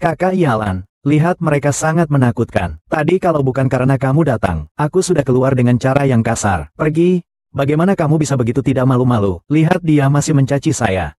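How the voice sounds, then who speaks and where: A man voicing all the roles of a dubbed short drama in the same flat, even delivery, recorded close on a studio mic. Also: mid-range voice, a little fast, no room sound, lightly acted.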